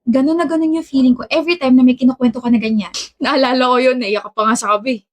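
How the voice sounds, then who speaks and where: Woman doing skit lover, teasing n bickering, kinda high voice. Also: fairly even intonation, quick pace. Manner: teasing, bickering back-and-forth. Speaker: skit actor. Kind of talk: scripted romantic skit dialogue.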